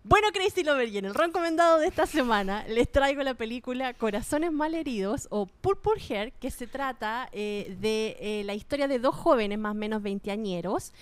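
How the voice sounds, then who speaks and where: A young woman with a Chilean accent chatting casually as a podcast co-host reviewing films, lively and slangy. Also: on the high side, moderate pace, few pauses, clear, resonant tone, faint music behind. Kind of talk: casual film review chat.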